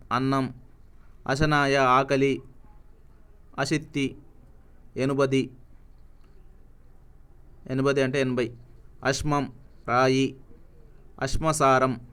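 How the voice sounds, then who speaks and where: A man with a Telugu accent slowly reads dictionary words and their meanings, pausing after each one. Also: mid-range voice, a bit bright, clear, resonant tone. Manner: reads each word then its meaning, with pauses. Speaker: teacher reading a word list.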